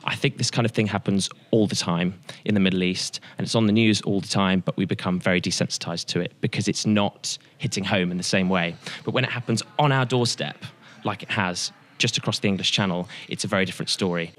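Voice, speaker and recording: Articulate young man, lowish voice. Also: fairly even intonation, a little fast, fairly bright tone. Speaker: student interviewee. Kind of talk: casual vox-pop answers.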